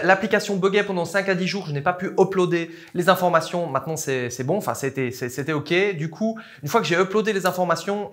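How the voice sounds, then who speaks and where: A man's voice: high-pitched, a bit bright. A man vlogging casually as he tests an app, talking in a chatty way and hesitating with many fillers, recorded on a camera on a tripod. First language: French. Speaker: tech vlogger. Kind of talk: casual tutorial vlog. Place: indoor room with a neon light. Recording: echoey room.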